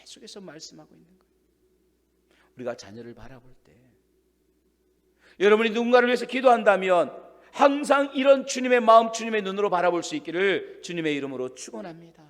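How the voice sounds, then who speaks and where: A man preaching a sermon as pastor, dramatic, acting out the voices he quotes with big swings in loudness. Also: high-pitched, very animated, brisk. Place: church sanctuary. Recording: long hall reverb.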